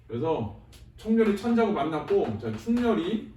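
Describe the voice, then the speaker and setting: A high-pitched man lectures on a classic novel, turning its old lines into casual talk and quizzing the room with rhetorical questions. He sounds distant from the mic, in a very echoey space with faint noise behind him. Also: big pitch swings, normal speed, warm tone. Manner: explains with casual paraphrase and asks rhetorical questions. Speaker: Korean literature teacher.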